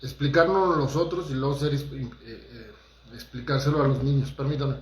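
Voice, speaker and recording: A man's voice: mid-range voice, fairly even intonation, normal speed, roomy sound. A man, a holistic therapist giving a conversational motivational talk and speaking straight to his listeners. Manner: conversational, addresses listeners directly, acts out quotes.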